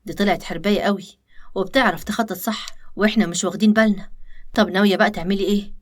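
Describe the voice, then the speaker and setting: A woman with an Egyptian accent voicing a cautious young man who reassures his partner, in an animated story. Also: mid-range voice, very fast, natural voice. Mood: calming. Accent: Egyptian Arabic. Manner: reassuring, practical.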